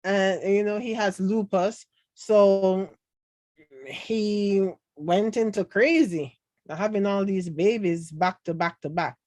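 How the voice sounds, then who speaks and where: A Jamaican woman talks through celebrity news on a live stream at an unhurried pace. She is chatty and blunt, laughing often as she reads viewers' comments. Her voice sits at a middle pitch, recorded close in a dry room. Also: a little mellow, no echo. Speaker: commentary vlogger reading live chat.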